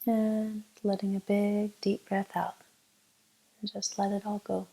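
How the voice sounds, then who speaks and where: Husky and touched with vocal fry, a meditation teacher's mid-range voice has a flat delivery. She leads the session gently and without hurry, pausing at length between instructions. The audio is poor.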